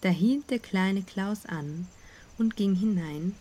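A woman narrating a fairy tale in a calm, measured storytelling manner. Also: medium pitch.

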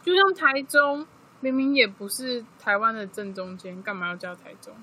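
A woman's voice: a little high, pushed and bright, slight background noise, poor audio. A woman with a Taiwanese Mandarin accent, co-hosting a casual podcast and chiming in with teasing remarks. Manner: teasing, quick interjections. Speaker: podcast co-host. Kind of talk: casual chat.

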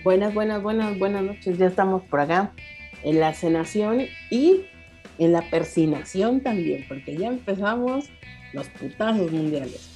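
A woman's voice: mid-range voice, a little slow, mellow, faint music behind. A woman chatting casually as a panelist on a show. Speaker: podcast panelist. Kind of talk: casual chat.

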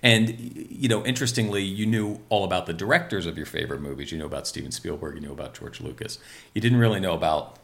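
A man's voice: sits low, fast talker, gravelly, a bit bright. A middle-aged man from Maryland, telling stories as a screenwriter guest in a chatty way, laughing and using lots of fillers. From Maryland, USA. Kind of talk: casual interview chat.

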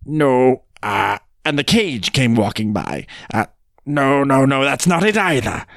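A man voices a sly trickster jackal in a storybook tale, feigning muddled, dithering stupidity and sounding hesitant, plaintive, flustered and pleading. His mid-range voice is very animated, a little slow and touched with vocal fry, recorded in a clean studio with no room sound.

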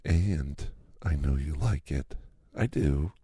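A man doing an ASMR hand massage role-play, speaking softly and sultrily and often slipping into a whisper. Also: very deep voice, expressive, slow, breathy edge, dry recording, clean studio sound. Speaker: ASMR creator.

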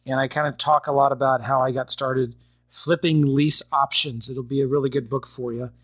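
Male podcast host, breathy and upbeat, dry close mic. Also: mid-range voice, level tone, normal speed, a bit bright, no echo. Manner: chatty, upbeat, laughs while talking. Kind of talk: casual podcast interview.

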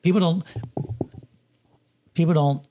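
A man's voice: a little high, steady tone, slow, warm tone, a little hiss or hum. A middle-aged man, a film production manager, telling rambling anecdotes in a casual podcast interview, with many fillers and restarts.

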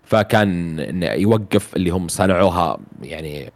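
A man's voice: sits low, animated, normal speed, a little mellow. A man recapping a video game plot in casual chat, rambling with many fillers and restarts.

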